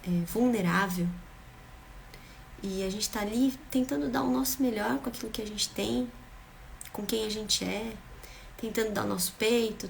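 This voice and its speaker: A woman's voice: medium pitch, vocal fry, a little hiss or hum. Earnest woman giving emphatic parenting advice. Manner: earnest, emphatic, repeats phrases for rhythm. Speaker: parenting vlogger. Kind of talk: direct-to-camera parenting advice.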